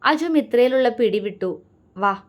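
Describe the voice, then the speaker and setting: A woman's voice: fairly high pitch, moderate pace. A woman narrating a serialized romance story and voicing the characters' dialogue herself.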